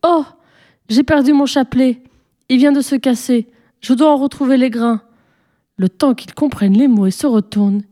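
A woman narrating a folk tale expressively, slowing and hushing her voice at tense moments. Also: mid-range voice. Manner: expressive, dramatic pacing, hushed at tense moments. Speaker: storyteller. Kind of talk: scripted story narration.

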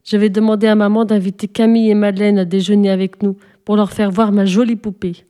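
Woman playing a pleading little girl in a storybook, high and mellow. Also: fast, close to an everyday voice. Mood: insistent. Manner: excited, pleading. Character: little girl, eager and headstrong.

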